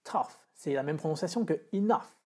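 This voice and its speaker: A man explaining English pronunciation in a video lesson, relaxed and hesitant, with frequent fillers and restarts. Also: a little high, normal speed, slightly rough. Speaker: English teacher.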